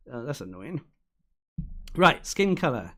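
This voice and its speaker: A man streaming reaction to a game showcase speaks slowly in a medium-pitched, sharp-toned voice with big pitch swings, and he's losing his voice. His casual live commentary rambles and chats along with filler words and laughs while showcase music plays behind him.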